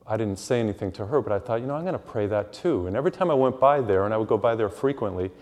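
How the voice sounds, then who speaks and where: Male priest, lowish voice, conversational sermon style, recorded in church with a long cathedral-like echo. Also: expressive, rapid-fire, a little mellow. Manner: conversational preaching with homely asides. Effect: long church reverb. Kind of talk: sermon with gospel reading. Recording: echoey church hall reverb.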